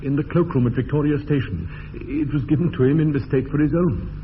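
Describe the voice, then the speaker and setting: An actor playing an earnest, slightly nervous English gentleman in a radio comedy, with an upper-class accent and a polite, hesitant manner. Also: on the high side, brisk, close to an everyday voice. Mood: embarrassed, earnest. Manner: courteous, hesitant, apologetic. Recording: dull lo-fi radio recording, faint noise.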